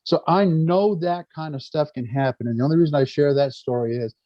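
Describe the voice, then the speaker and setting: A man's voice: fairly high pitch, brisk, dry recording, dull audio. Earnest man preaching to a gathering. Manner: earnest, stumbling restarts, storytelling. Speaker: speaker on church life.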